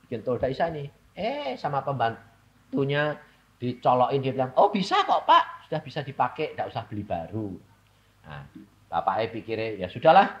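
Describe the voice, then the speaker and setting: A man preaching a sermon, swinging between loud exclamations and hushed asides. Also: medium pitch, highs cut off. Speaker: pastor.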